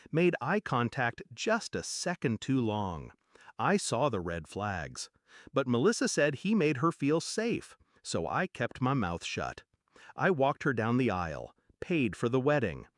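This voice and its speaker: Slow, measured male story narrator. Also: mid-range voice, no room sound, clean studio sound. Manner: measured, dramatic pauses between short phrases. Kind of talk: scripted first-person story narration.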